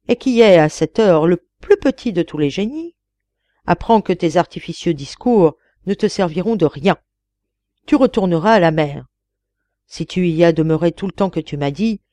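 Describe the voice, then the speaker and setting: A woman's voice: lowish voice, mellow, no echo, natural voice. A woman reading the part of a wary fisherman who scorns and outwits a genie. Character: wary, defiant old fisherman.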